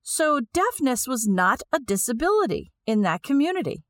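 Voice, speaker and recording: A woman's voice: high-pitched, big pitch swings, normal speed, no room sound. A woman gives a lecture, walking listeners through an idea one step at a time. She thinks aloud and sometimes restarts or repeats a phrase. Her voice is close and dry, with no room sound. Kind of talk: explanatory lecture.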